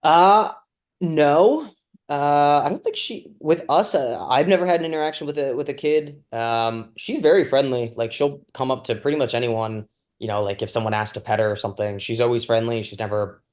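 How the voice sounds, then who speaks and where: A man's voice: medium pitch, normal speed. A man who fosters a dog, talking casually over a video call in a rambling, hesitant way full of fillers. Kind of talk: casual chat.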